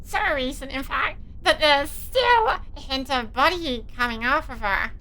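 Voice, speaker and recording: A woman voicing a perky, squeaky narrator as she reads horror game text aloud. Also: lively intonation, moderate pace, bright, forceful tone, a little hiss or hum. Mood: perky reading. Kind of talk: dramatic reading of game text.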